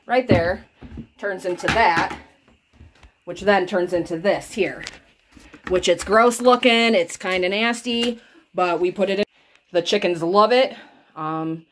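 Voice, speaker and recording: A woman in her thirties casually narrating farm chores, explaining each step in a chatty, practical way, filmed on a handheld phone around a barn. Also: on the low side. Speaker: homestead vlogger. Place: barn and farmyard outdoors. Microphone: handheld phone camera.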